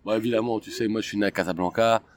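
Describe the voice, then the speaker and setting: A man's voice: fairly low pitch, steady tone, very fast, over a noisy crowd. Rambling man telling stories. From France, Picardy. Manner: rambling storyteller with joking asides. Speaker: guest comedian. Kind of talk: casual interview chat.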